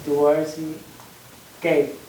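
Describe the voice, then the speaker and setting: A man preaching a Bible study sermon, talking slowly and haltingly with many fillers and repeated words. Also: a little high, monotone, a little mellow, slight background noise. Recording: echoey room, picked up from a distance.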